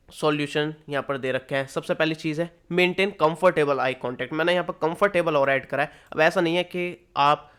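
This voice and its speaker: Chatty man teaching, smooth clear voice. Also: fairly high pitch, fairly bright tone. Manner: chatty, repeats points with plain rephrasings. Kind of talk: casual lecture explaining slides.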